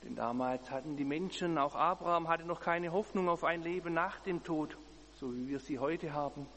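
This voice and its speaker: Man, sermon, earnest and measured, slightly high voice, long church reverb, faint hum. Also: a bit bright. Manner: earnest, measured, emphatic repetitions. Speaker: preacher.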